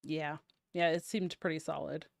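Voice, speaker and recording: A woman's voice: low voice, steady tone, normal speed, gravelly, no room sound. A woman talking casually about card games, chatty, with many fillers. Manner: chatty, many ums and likes. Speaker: podcast guest. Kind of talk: casual card game discussion.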